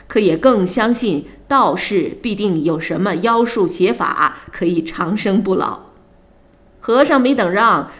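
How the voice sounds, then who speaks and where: A woman reads a classic novel aloud for radio listeners at a slow, deliberate pace. Her mid-pitched voice shapes the story with measured, expressive narration.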